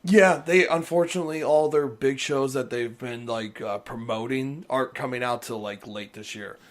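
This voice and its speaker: A man co-hosting a casual podcast, blunt and quick to swear. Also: mid-range voice. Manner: blunt and profane. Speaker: podcast co-host.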